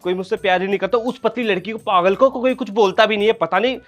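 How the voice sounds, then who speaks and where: A woman's voice: medium pitch, fast talker, close to an everyday voice. A woman playing a complaining, sulky younger brother in a comedy sketch. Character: whiny quarrelsome younger brother.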